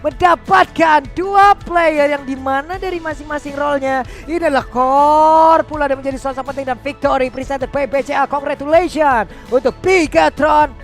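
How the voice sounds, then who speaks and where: A man with an Indonesian accent works as an excited fighting game announcer. His voice sits very high for a man, and he stretches his phrases with dramatic emphasis. Music plays behind his broadcast commentary. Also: normal speed, few pauses. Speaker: esports shoutcaster.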